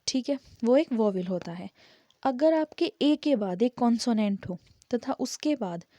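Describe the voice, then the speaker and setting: A woman's voice: on the high side, mellow, no echo. A woman teaching English pronunciation, patiently spelling words out letter by letter and repeating them. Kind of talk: slow explanatory grammar lesson.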